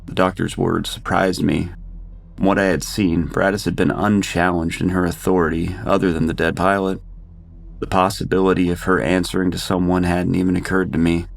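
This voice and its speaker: A man narrating a first-person horror tale with a very deep voice. There is a gravelly fry under his words, and he tells it steadily and grimly. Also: flat delivery, moderate pace.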